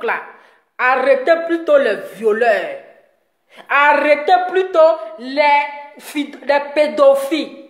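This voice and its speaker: In a roomy, echoing space, a high-voiced woman delivers rambling, scolding commentary, mocking her target and laughing often between jabs. She's an online commentator making a ranting commentary video.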